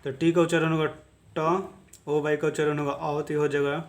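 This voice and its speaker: A man's voice: fairly high pitch, flat delivery, brisk. A man teaching English reading, spelling out letter sounds and repeating each word patiently. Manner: repetitive, patient drilling. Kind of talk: phonics lesson.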